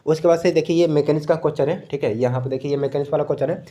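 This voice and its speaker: A man's voice: on the high side, rapid-fire, dull audio. A young man, casually going over exam questions as a coaching teacher and often repeating a filler phrase. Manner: relaxed, repeats "thik hai" often, mixes in English words. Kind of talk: casual explanatory lecture.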